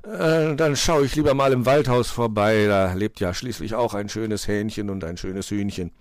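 A man's voice: fairly low pitch, little pitch movement, normal speed, dry recording, studio quality, lightly acted. A man voicing a greedy, jovial male cook in a fairy-tale audiobook. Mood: nervous.

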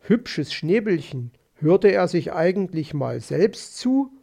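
A man narrating an audiobook story in an expressive, measured way. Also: high-pitched, vocal fry.

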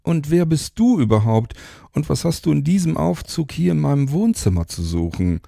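A shy, easily flustered young woman from a storybook, asking questions in a raised, wondering tone, as a male narrator puts her on. The voice is pitched well above his own but keeps a dark, gravelly grain. The delivery is unhurried and a little breathless. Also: sing-song, no echo, studio quality, heavily acted. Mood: puzzled.

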